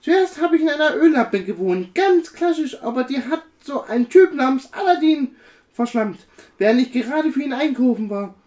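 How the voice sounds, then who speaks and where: A woman's voice: sits high, expressive, moderate pace, a little mellow. A woman voicing a rude, boozy male genie who has lived in a can for centuries, in an amateur radio play reading. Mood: rambling. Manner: rude, grumbling, rambling.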